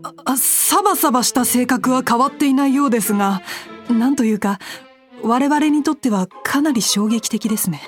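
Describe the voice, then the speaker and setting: A high, courteous warrior played by a woman in a fantasy drama, dutiful but easily flustered. The lines are formal with small stammers, over faint music. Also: moderate pace, natural voice. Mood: taken aback. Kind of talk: fantasy audio drama acting. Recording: music under the voice.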